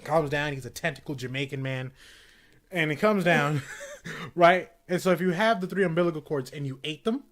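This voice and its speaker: A man's voice: on the high side, moderate pace, fairly bright tone. A young man casually chatting as a podcast co-host, rambling with lots of fillers and breaking into silly voices. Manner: rambling, filler-heavy, acts out game characters in silly voices. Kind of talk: casual chat.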